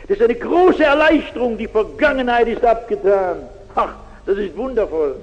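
Emphatic high-voiced German preacher. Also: male voice, animated. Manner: emphatic, with sudden loud outbursts and asides to the audience; slow, deliberate delivery. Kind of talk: evangelistic sermon. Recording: dull, echoey hall recording.

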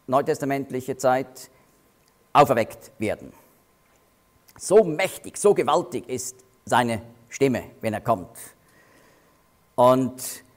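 A male Bible teacher works verse by verse, leaning hard on key words and slowing down to stress them. His voice sits fairly high and rises and falls a lot as he explains.

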